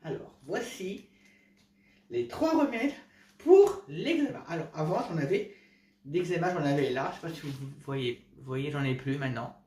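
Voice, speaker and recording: Congested with a cold, a vlogger chats casually to camera at home at night, offering home remedy tips in a halting manner, often restarting and correcting himself. His fairly high voice is expressive and darkish, with a little hiss or hum, and sounds roomy and distant.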